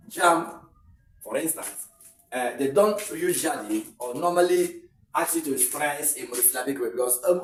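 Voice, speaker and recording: Man teaching in echoey room. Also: mid-range voice. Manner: repetitive, explains step by step. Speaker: English teacher. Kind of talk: exam-prep lesson. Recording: echoey room, mic far off, faint noise.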